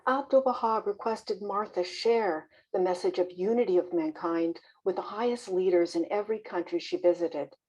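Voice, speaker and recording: Woman, fireside presenter, reading a life story aloud, measured, expressive, mid pitch. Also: husky, highs cut off. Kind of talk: reading a biographical narrative aloud.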